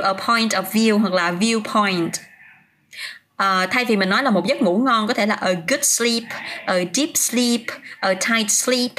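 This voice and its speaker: A woman's voice: mid-range voice, fairly bright tone. A woman teaching English vocabulary on a casual livestream, chatting, answering viewers' comments by name and often restarting her sentences.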